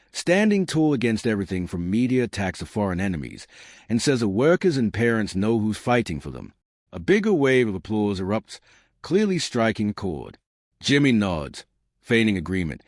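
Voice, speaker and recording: A man's voice: fairly low pitch, no room sound, studio quality. A man narrating a scripted, dramatic story.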